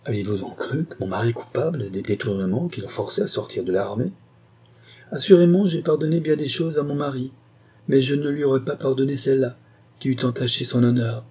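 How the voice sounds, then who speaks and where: A man's voice: mid-range voice, mellow, husky, pitched above the performer's own voice, lightly acted. Man voicing a scheming young governess. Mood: earnest. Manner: measured, pointed, deliberately detaching words. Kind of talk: audiobook character reading.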